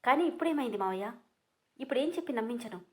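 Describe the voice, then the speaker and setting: A woman's voice: fairly high pitch, animated, fast talker, darkish tone, natural voice. A woman voicing an anguished young husband in a storybook reading, pleading earnestly with his wife to listen. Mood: frustrated.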